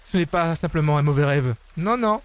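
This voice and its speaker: A young man commenting on a horror game he is playing, excitable and slangy, yelping and screaming when scared. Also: on the high side, a little fast, smooth. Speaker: gaming YouTuber. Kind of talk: let's play commentary. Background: game music.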